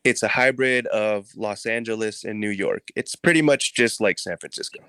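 A man's voice: on the low side, normal speed, clean tone, dry recording. Man telling a story, dry close sound. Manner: animated, laughs often while retelling. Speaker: guest, storyteller. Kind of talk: casual podcast storytelling.

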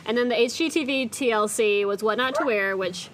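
A young woman with a slightly high voice chats eagerly, rattling off favorite memories in long, enthusiastic lists. A faint hum sits behind her in the room. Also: brisk. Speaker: podcast co-host. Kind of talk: casual chat. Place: indoors, a room at home.

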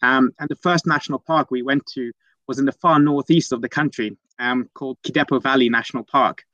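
This young conservation program manager from the Netherlands hesitates a lot, restarting and filling gaps with ums as he shares stories as an interview guest. He speaks fairly quickly in a steady, medium-pitched voice that's a bit bright, recorded with no echo but dull audio.

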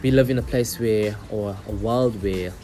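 Young south african guy doing a solo podcast, earnest and explaining things slowly, some ums, faint music underneath. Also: fairly low pitch, dark tone. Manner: earnest, explanatory, with frequent pauses and fillers. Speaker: podcast host. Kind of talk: solo motivational podcast talk.

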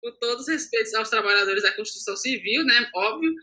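A man's voice: high-pitched, fairly quick, poor audio. Talkative man. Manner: animated storyteller, talkative. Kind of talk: casual podcast chat.

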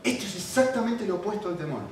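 A man's voice: high voice, lively intonation, fast, far from the mic. A man with an Argentine accent preaching a sermon, walking through a text and putting questions to the audience. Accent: Argentine Spanish. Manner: conversational, asks the audience questions. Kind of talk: expository sermon. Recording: echoey hall, mic from afar, faint hiss.

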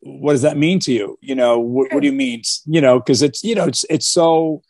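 A man from Portugal, interviewed casually over a video call, speaks earnestly about his life while repeating starts and using many fillers. He has a medium-pitched, darkish voice at normal speed, captured in studio quality with no room sound.

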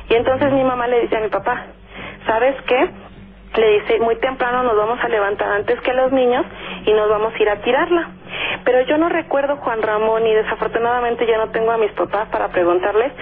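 A woman with a Mexican accent, calling in to a radio show to tell a ghost story. She talks as a lively storyteller who acts out other people's lines, with frequent "este" fillers. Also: fairly high pitch. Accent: Mexican Spanish. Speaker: radio caller. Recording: tinny phone line.

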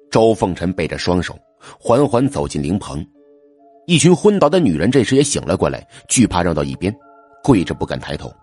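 A man narrating a spooky folk tale as an audiobook, lively in manner and slipping into the voices of the characters for their lines. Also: on the low side, slightly rough. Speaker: storyteller. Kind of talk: audiobook narration with acted dialogue.

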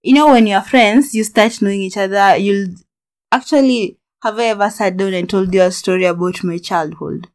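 A woman chatting casually as a podcast co-host, animated and prone to laughing mid-thought. She often restarts her sentences as ideas come to her. Her voice sits at an ordinary middle pitch. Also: moderate pace. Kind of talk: casual chat.

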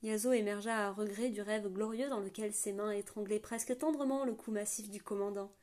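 A woman narrating a fantasy audiobook in a measured, soft storytelling manner. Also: medium pitch, fairly even intonation.

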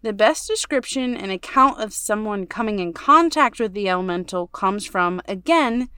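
Woman reading a spooky castle story on a podcast, smooth voice, dry close sound. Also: mid-range voice, expressive, no room sound. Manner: measured storytelling read, hushed on dark parts. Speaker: podcast co-host. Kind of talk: reading a ghost story aloud.

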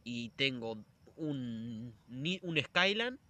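A man's voice: medium pitch, expressive, extremely slow, pushed and bright. A young man with an Argentine accent in a casual chat, laid-back, slangy and a little profane. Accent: Argentine Spanish.

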